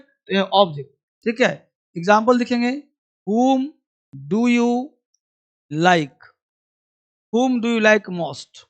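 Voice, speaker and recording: A man's voice: high voice, a bit bright. Repetitive, drilling male grammar teacher. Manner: repeats key points like dictation; addresses students familiarly as son and kid. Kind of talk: exam-prep lesson.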